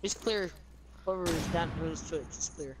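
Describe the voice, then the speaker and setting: A man's voice: fairly high pitch, unhurried, noisy background. A young man chatting casually with his team while playing a game, rowdy and goofing around with chants. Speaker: gamer. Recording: game audio with gunfire behind.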